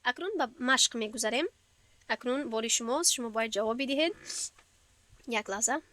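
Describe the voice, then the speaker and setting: A woman teaching Arabic grammar, explaining patiently step by step and reciting verses slowly. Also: a little high, pushed and bright, dry recording. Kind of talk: classroom lesson.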